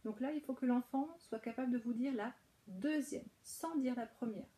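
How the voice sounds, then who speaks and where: Patient French teacher, mellow voice. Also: female voice, fairly high pitch, moderate pace, a little hiss or hum, low-quality recording. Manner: patient, step-by-step explaining with many hesitations. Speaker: preschool teacher. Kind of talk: instructional talk to parents.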